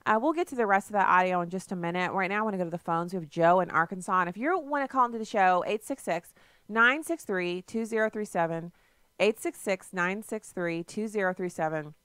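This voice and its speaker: A woman's voice: medium pitch, brisk, fairly bright tone, smooth, dry recording, clean studio sound. A woman hosting a talk radio show, talking in a folksy, heated and emphatic way.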